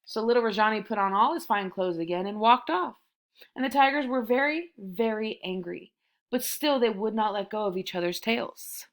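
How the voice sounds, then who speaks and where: A woman's voice: medium pitch, animated, normal speed. A young woman reading a children's story aloud and breaking off for amused, chatty asides.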